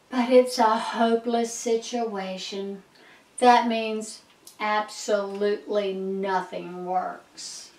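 Expressive woman reading a picture book. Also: fairly high pitch. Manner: expressive, first-person as a little girl. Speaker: storyteller. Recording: echoey room, far from the mic.

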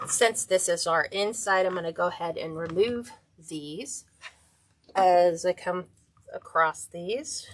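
A woman's voice: fairly low pitch, slow pace. A woman hosting a live-streamed wreath-making tutorial, chatting casually and greeting viewers by name as she works. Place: indoor craft table, overhead camera.

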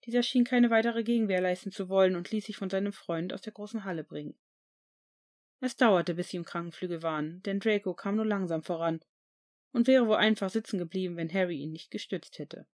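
A woman narrating a fanfiction audiobook in an even storytelling read. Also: medium pitch, brisk. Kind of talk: scripted narration.

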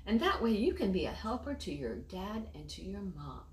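A woman teaching preschoolers, leading a prayer and reading a storybook aloud in a gentle, encouraging way. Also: mid-range voice, very animated, moderate pace. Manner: gentle and encouraging, speaking to small children. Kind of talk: children's lesson and storybook reading.

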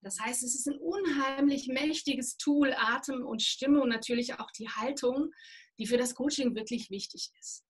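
A woman working as a voice and presentation trainer, explaining calmly and instructively in an interview. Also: high-pitched, moderate pace, slightly rough. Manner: calm, instructive, demonstrates breathing.

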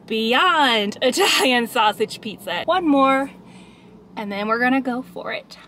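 A woman's voice: on the high side, animated, unhurried, fairly bright tone, a little hiss or hum. Giggly chatty woman food vlogger. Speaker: food video creator. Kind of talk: casual vlog chat.

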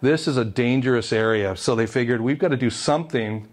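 Man, middle-aged, American accent, speaking through face mask, medium pitch, conversational public lecture, handheld mic. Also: fairly quick. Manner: chatty, conversational with asides to the audience. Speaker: public lecturer, documentary filmmaker and historian. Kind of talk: informal live history lecture. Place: indoor meeting room, presenting to an audience. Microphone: handheld microphone held to masked mouth.

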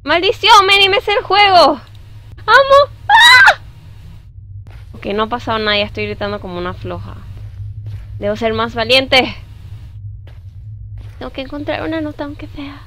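A young woman streaming a horror game live. She chats to her viewers and shrieks when the game startles her. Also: fairly high pitch. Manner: jumpy, screams at scares then talks softly to chat. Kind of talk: live gaming stream chat.

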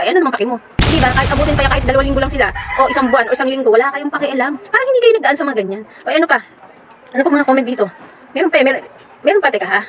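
Woman vlogger, indignant sarcastic rant, fairly high voice, quick talker. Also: slight background noise, low-quality recording. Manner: indignant, sarcastic, talks straight to commenters. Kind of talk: reaction video rant.

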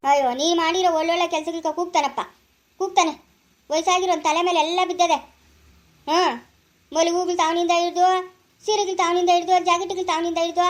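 A woman acting a sharp-tongued village woman in a family skit, scolding and nagging, with a Chikkaballapura Kannada accent. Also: very high voice.

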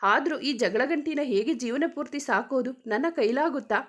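A woman's voice: high-pitched, normal speed. A woman voicing a flustered, teasing young man who stammers his questions.

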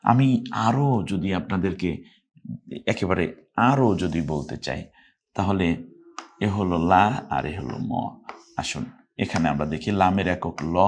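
A man teaching Quran recitation who spells out syllables letter by letter and breaks into long, drawn-out chanted words between his explanations. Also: sits low. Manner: spells syllables letter by letter and repeats them patiently. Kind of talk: explaining Arabic letters and pronunciation rules in a recorded lesson.

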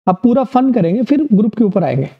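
A man's voice: high-pitched, very animated, fast talker, vocal fry, slightly rough, lo-fi sound. Upbeat Indian male maths teacher. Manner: upbeat, encouraging, asks and answers his own questions. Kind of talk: online maths lesson.

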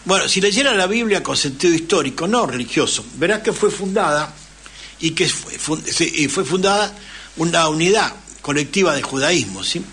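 A man's voice: a little high, expressive, moderate pace, fairly bright tone, husky. A man with an Argentine accent, hosting a radio talk show and lecturing at length, often checking in with his listeners. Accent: Argentine Spanish. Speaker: radio host.

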